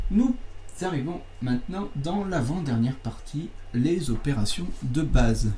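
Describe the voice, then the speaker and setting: A man teaching a software tutorial over a screencast, talking in a casual, chatty way with fillers and self-corrections. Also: medium pitch, slight background noise, low-quality recording.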